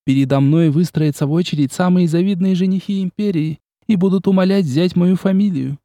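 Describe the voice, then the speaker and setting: A fiery young noblewoman, as a male reader voices her, with a lifted, sharp delivery. The tone stays dark and mellow, recorded dry and close. She sounds proud and quick to flare. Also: high-pitched, no room sound, voice pushed up. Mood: haughty. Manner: haughty, sharp and tearful by turns. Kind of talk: audiobook character voice.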